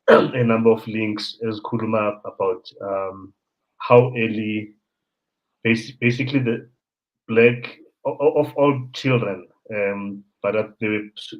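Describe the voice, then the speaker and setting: A South African man in his thirties hosting a casual conversation, an animated storyteller who mixes in local words. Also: fairly low pitch. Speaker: host. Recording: dull lo-fi sound.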